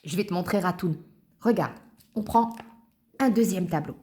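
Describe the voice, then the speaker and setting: A woman's voice: lowish voice, normal speed, warm tone. A woman teacher patiently explaining cursive handwriting to young children, step by step.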